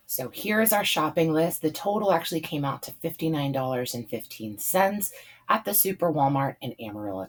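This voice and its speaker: A woman, hoarse from talking a lot, chatting casually through a budget meal plan with plenty of ums and likes. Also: a bass voice, darkish tone. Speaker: budget meal planning vlogger. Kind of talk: casual voice-over.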